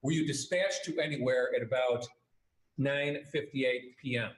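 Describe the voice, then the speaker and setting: Methodical attorney in an echoey courtroom recording. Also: male voice, medium pitch, fairly even intonation. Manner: measured, methodical questioning. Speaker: attorney questioning a witness. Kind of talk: courtroom examination.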